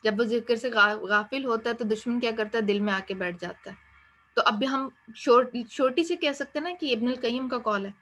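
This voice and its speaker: A woman giving an encouraging Islamic course lecture, slipping English phrases into her talk. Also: on the high side. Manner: gentle, encouraging, mixes English into Urdu. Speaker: Islamic studies teacher.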